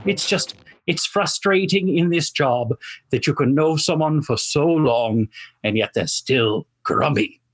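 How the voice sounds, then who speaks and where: A man playing a jolly, chatty, good-natured Santa Claus in a rambling, effusive interview chat with a husky voice. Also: a little high, a little slow. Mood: earnest. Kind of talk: improvised in-character interview chat.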